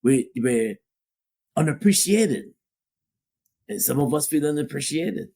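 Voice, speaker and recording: Speaking a little slowly, this podcast co-host has a fairly high, expressive voice that's gravelly and dark with a breathy edge. He discusses relationships in a casual, opinionated way, repeating phrases for emphasis, and his family has roots in Guyana.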